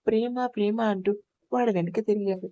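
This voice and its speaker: Mellow-voiced woman narrating a story. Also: medium pitch, moderate pace, dry recording. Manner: steady expressive reading. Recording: slightly dull lo-fi recording, dry.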